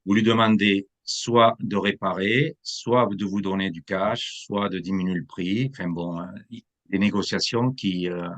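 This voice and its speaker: Man, low voice, from France, real estate agent explaining the market, drops English terms. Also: steady tone, unhurried, a bit bright. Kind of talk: interview answers.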